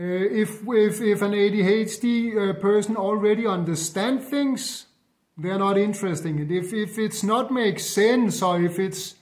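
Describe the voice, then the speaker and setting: Slow, high-voiced Danish man musing. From Denmark. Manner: slow, halting, with many fillers and restarts. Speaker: spiritual vlogger. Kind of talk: reflective personal monologue.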